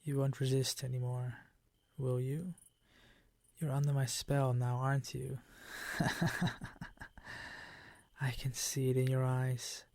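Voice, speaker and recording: A man takes the role of a possessive, predatory vampire count for ASMR, his phrasing formal, teasing and commanding, his breathy voice often sliding into a whisper. The pitch sits in the middle, the delivery is flat and slow with frequent pauses, and the tone is warm on a dry recording.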